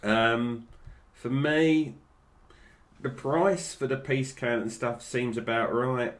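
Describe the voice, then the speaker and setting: A man's voice: medium pitch, steady tone, takes it slowly. A British man giving casual, unscripted toy review commentary, with slightly slurred, toothless articulation that stumbles over names.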